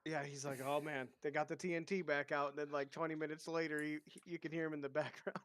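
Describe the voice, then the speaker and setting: Male streamer host, slightly higher voice, casual and laughing. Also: little pitch movement, quick pace, fairly bright tone. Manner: laughs often, loose storytelling. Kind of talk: casual chat while gaming.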